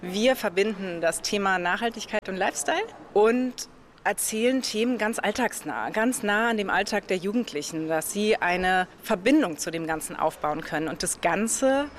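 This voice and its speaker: A woman's voice: mid-range voice, animated, normal speed, slight background noise. A woman co-founder of an education initiative, explaining its approach fluently in an interview clip.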